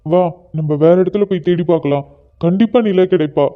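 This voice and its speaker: A man's voice: high voice, fairly quick, narrow, tinny audio, close to an everyday voice. A man voicing a loyal young male friend in a cartoon, firm and urging. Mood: urgent. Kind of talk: cartoon voice acting.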